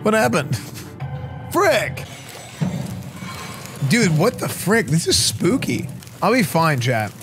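A man's voice: sits high, sing-song, slow pace, long pauses. A man in his thirties giving casual live game commentary in a goofy, slangy way, speaking close into a streaming microphone. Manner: goofy, slangy, easily startled exclamations. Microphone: boom microphone close up, streaming setup. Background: game music.

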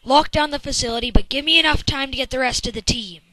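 A woman playing an earnest, defiant soldier in an animated fan drama, firm and pleading. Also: sits high, fast talker, slight background noise.

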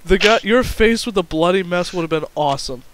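A young man hosting a casual gameplay commentary, excitable and prone to yelps and shouts at the action. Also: high voice, a little fast, background noise. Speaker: gaming channel host.

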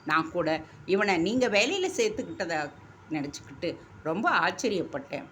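A woman's voice: on the low side, sing-song, moderate pace, a bit bright, slight background noise. Woman voicing a polite, matter-of-fact policeman. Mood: formal. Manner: courteous, plain reporting.

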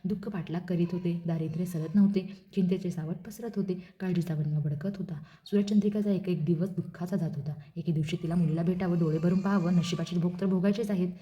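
Brisk low-voiced woman reading aloud. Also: dark tone. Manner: brisk rhythmic recitation. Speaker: storyteller. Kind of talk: devotional story reading.

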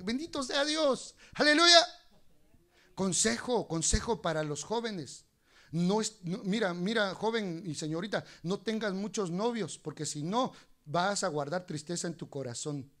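Animated male preacher, fast-talking. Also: a little high. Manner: animated preaching, swings between soft asides and loud exclamations; talks fast at times. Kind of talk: sermon. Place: church.

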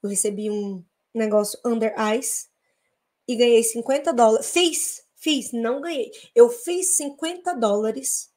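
Blunt high-voiced Brazilian woman host. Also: a little slow. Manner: blunt, emphatic, swings between loud outbursts and quiet asides. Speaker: host of a live business talk. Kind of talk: casual live talk to followers.

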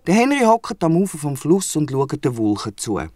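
Verspielter schweizerdeutscher Erzähler. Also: male voice, on the high side, sing-song, normal speed, a little mellow, no echo, studio quality. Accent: Swiss German. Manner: playful and chatty, with little asides. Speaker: narrator. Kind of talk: children's audio drama narration.

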